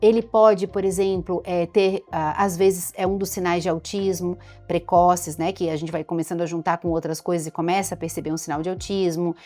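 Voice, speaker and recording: A woman doctor with a Brazilian Portuguese accent, explaining baby development to parents in a chatty, lively way. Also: fairly low pitch, brisk, few pauses, faint music behind. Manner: chatty, warm explainer, imitates baby sounds and baby talk. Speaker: doctor giving parenting advice. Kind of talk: explanatory talk to camera.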